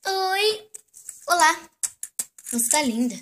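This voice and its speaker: A young girl with a high, bouncing voice plays out a doll story at home, squealing the characters' lines and dropping into hushed whispers for asides. She talks slowly and unhurriedly. A steady hiss runs under the home recording. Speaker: YouTube host and doll-play storyteller. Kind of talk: doll role-play acting out all the characters.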